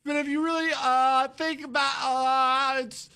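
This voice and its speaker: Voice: high voice, little pitch movement, measured pace, creaky, pushed and bright. A commentator reacting to clips with mocking asides.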